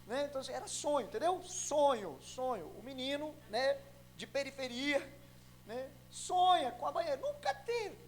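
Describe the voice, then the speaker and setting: A young adult man from Brazil preaching a sermon as pastor, telling a story with acted-out dialogue and swinging between loud and soft. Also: extremely high pitch, brisk, low-quality recording. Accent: Brazilian Portuguese.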